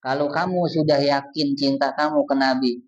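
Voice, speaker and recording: A man's voice: mid-range voice, steady tone, normal speed. A man preaching a casual, colloquial sermon to a congregation, earnest and speaking directly to his listeners. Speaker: Islamic preacher. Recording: distant dull lo-fi recording.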